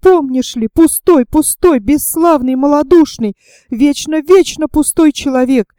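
A woman's voice: high-pitched, unhurried, warm tone, no echo, studio quality. A woman reading the lines of an imperious, agitated older noblewoman in an audiobook, commanding and fierce, sometimes in a hissing whisper.

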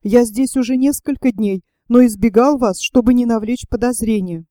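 A woman doing a bold young escapee, hushed and hurried. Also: a little high, no echo, clean studio sound, close to an everyday voice. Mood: hushed urgent. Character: bold young man leading a night escape.

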